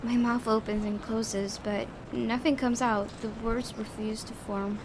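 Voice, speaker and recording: A woman's voice: a little high, level tone, measured pace. A woman hosting a gaming video, reading a visual novel aloud and commenting casually. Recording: clearly noisy home recording.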